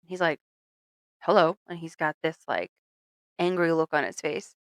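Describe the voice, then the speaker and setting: A young woman co-hosting a casual podcast, chatting and telling an anecdote with animated quoted voices. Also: deep voice, moderate pace, no room sound. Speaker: podcast co-host. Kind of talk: casual chat, storytelling.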